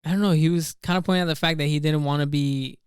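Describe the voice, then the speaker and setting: A man's voice: a little high, fairly even intonation, fast talker, smooth, no echo, clean studio sound. A young man co-hosting a podcast, telling a rambling story full of fillers and swearing. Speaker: podcast co-host. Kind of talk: casual chat.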